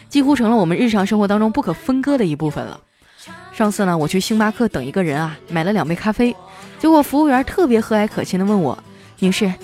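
Brief: female comedy host, mid-pitched, lively storyteller, faint music underneath. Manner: lively, puts on voices for characters in jokes. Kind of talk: scripted comic storytelling.

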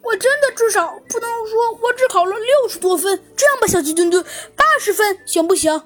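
A woman's voice: very high-pitched, fairly quick, a bit bright, soft background music, voice pushed up. A woman voicing an earnest, worried young monkey sheriff in a children's story, talking hesitantly with sighs. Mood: bargaining.

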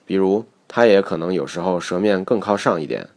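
A man with a very low voice reads a scripted pronunciation lesson. He explains each point in a measured, steady way. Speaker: English pronunciation teacher.

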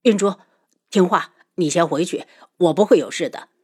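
A woman's voice: on the low side, moderate pace, a little mellow, husky. A woman voicing a hot-headed, stubborn young man in an audiobook, earnest and defiant. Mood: pleading. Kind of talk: audiobook character voice.

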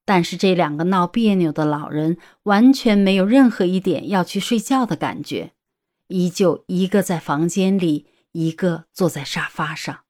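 A woman tells the story in a steady, even reading voice that sits a little low. She narrates the scripted audiobook at a measured pace.

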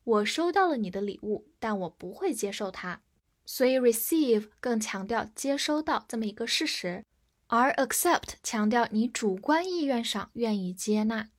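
Woman, vocabulary teacher, somewhat high voice, slow deliberate spelling and repetition. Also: expressive. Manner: slow, careful spelling of words letter by letter; has learners repeat after her. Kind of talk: recorded vocabulary lesson.

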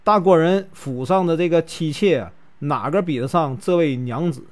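A man's voice: fairly high pitch, normal speed, close to an everyday voice. A man with a Northeastern Mandarin accent voicing a scheming, greedy old matchmaker woman in a told story. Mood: coaxing. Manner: coaxing, plotting storyteller's quoting voice.

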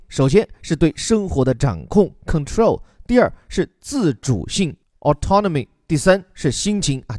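A man's voice: a little high, darkish tone, dry recording, studio quality. A man who teaches as a podcast host, patiently explaining an English news article word by word with examples.

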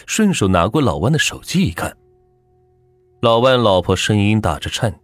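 A man's voice: fairly low pitch, big pitch swings, moderate pace, no room sound, soft background music. A man narrating a ghost story in a dramatic, tense storytelling manner.

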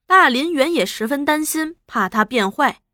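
Bright, lively woman narrator. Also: high-pitched, normal speed, no room sound, clean studio sound. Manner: expressive storytelling. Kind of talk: audiobook novel reading.

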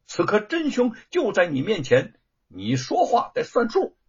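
A man voicing a proud, defiant young woman avenger who speaks in sharp, indignant declarations. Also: medium pitch, wildly swooping pitch, measured pace, breathy edge, muffled recording, exaggerated voice.

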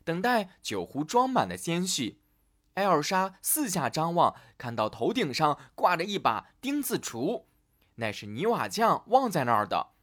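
A man narrating a fairy tale for listeners in an expressive storytelling manner. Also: on the high side, a little slow.

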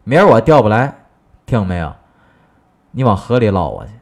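A man voicing a boastful, loudmouthed middle-aged neighbor, talking in a brash, bragging way. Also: lowish voice, very animated, moderate pace. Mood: excuse-making.

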